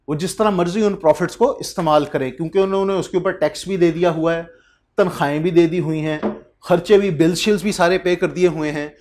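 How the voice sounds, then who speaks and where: Conversational man lecturing, slightly high voice. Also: darkish tone, a little hiss or hum. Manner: conversational, asks rhetorical questions, reads English passages slowly. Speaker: accountancy lecturer. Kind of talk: classroom lecture.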